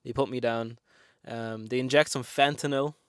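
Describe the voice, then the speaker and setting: Speaking English with a Lithuanian accent, a male vlogger in his 20s shares a personal story to camera in an open, conversational way full of fillers. Lithuanian and Russian are his native languages. He has a clear, resonant mid-range voice, keeps his intonation fairly even, and moves at a moderate pace, all in a dry, clean studio recording.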